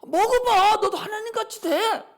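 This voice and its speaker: A man's voice: very high-pitched, normal speed, a bit bright, voice pushed up. A male preacher voicing a sly tempting devil who taunts and coaxes his listener, calling him a fool. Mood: mocking, coaxing.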